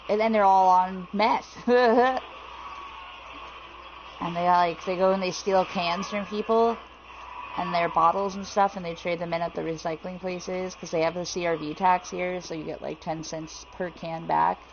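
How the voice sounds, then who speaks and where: A woman giving casual, jittery commentary while playing a horror game, swearing freely and reading things out loud. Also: lowish voice, fairly even intonation, a little slow, dull audio, background noise. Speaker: let's play gamer.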